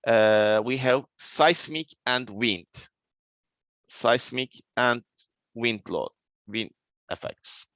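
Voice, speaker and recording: A man with a Turkish accent lecturing to students in a halting way, repeating key terms as he explains. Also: mid-range voice, a bit bright, no room sound. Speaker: civil engineering lecturer.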